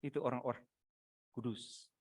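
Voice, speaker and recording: A man preaching a sermon over a video call, swinging between loud emphatic lines and quiet asides, often asking his listeners rhetorical questions. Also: medium pitch, steady tone, moderate pace, no room sound, studio quality. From Manado, Indonesia. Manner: asks the congregation rhetorical questions. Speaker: pastor.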